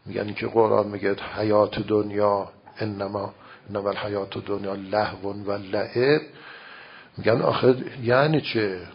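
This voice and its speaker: A man's voice: medium pitch, creaky, breathy edge. A man teaching religious philosophy in an informal lecture, explaining with everyday examples and rhetorical questions. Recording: dull lo-fi recording.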